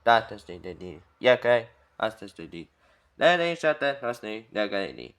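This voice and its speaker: Halting man with a bright, clear voice. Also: lowish voice, very animated. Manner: halting, repetitive, trailing off. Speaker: video uploader commenting on an old TV recording. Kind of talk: rambling casual commentary.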